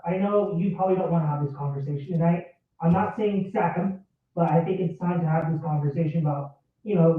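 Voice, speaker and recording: A man with a high-pitched voice and a slight hiss or hum calls in to a live show to vent as a fan. The distant, echoey lo-fi line gives a tunnel-like effect, as if he's at the bottom of a well, and he rambles, restarting his points with "look".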